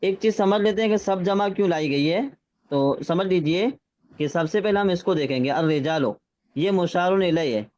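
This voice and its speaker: A man teaching Arabic grammar in an online class, patiently checking that students follow and reading phrases out slowly. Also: high voice, a little mellow. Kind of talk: classroom lesson with drills. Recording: slightly dull lo-fi sound.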